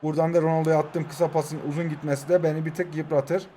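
High-voiced young man calling game plays. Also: little pitch movement, fast talker, warm tone, a little hiss or hum. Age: 20s. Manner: jokey, talks to his players and viewers. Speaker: mobile football game YouTuber. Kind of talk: excited gameplay commentary.

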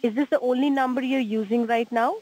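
A woman's voice: fairly high pitch, steady tone, fairly quick, darkish tone. A woman working as a support agent, speaking politely on a customer service call.

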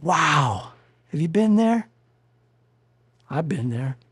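Slow, husky-voiced pastor giving a devotional. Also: medium pitch, lively intonation, darkish tone, dry recording. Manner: candid, conversational, chuckles at self. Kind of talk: devotional message.

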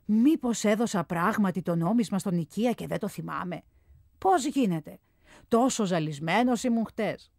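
A woman's voice: medium pitch, animated, gravelly, darkish tone, no echo, clean studio sound. A woman voicing an absent-minded young Athenian man who frets and wonders aloud in a storybook reading. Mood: worried.

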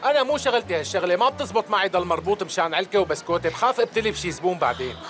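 An actor playing a blustering, ingratiating small-time swindler with a Syrian accent in a dubbed TV drama. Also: male voice, high voice, animated, very fast, a bit bright, a little hiss or hum.

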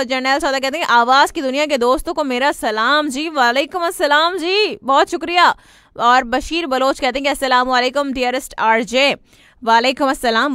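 A woman hosts a live radio show, reading listener messages with warm greetings, giggles and English phrases mixed in. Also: high voice, clean tone, dry recording, clean studio sound. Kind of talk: casual live radio chat.

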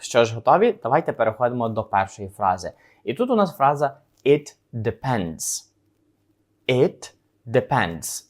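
A Ukrainian-speaking man teaching a language lesson, repeating English phrases slowly and carefully for learners. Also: medium pitch. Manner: slow, deliberate repetition of English phrases.

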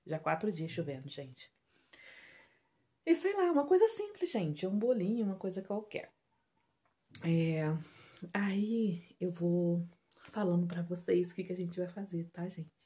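A Brazilian woman talking softly and quietly to viewers in a casual home vlog, filmed on a phone indoors. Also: lowish voice, unhurried. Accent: Brazilian Portuguese. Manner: speaking softly and hushed, chatty asides to viewers. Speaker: home vlogger. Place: indoors at home, bedroom and bathroom.

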